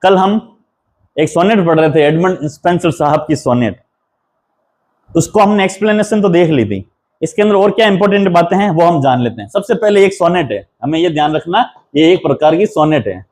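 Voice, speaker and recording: A man's voice: fairly high pitch, expressive, fairly quick, a little mellow. A man, an assistant professor, giving a patient lecture on a poem, repeating key terms and counting out stressed and unstressed syllables. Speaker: assistant professor teaching English poetry.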